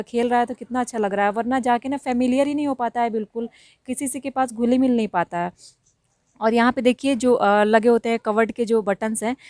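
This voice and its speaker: A woman talks through a casual vlog in a chatty, easy way with gentle laughs, her voice a little high. The sound is dry and close. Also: no echo. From India. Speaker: vlogger. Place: village home.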